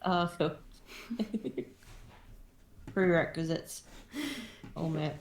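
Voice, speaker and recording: A woman's voice: low-pitched, fairly even intonation, very slow, reverberant, slight background noise. A woman guest chatting on a stream in a laid-back, giggly way. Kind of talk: casual stream chat.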